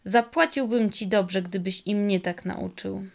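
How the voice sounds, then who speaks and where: A woman voicing a male devil in a folk tale, slow and low when bargaining, shrill when pleading. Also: creaky. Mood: coaxing. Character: male devil, crafty then whining.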